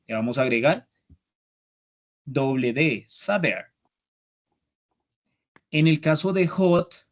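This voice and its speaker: A man's voice: on the high side, dull audio. A young man teaching an English grammar class, patiently repeating each step and checking that students follow. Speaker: English instructor. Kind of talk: online class explanation.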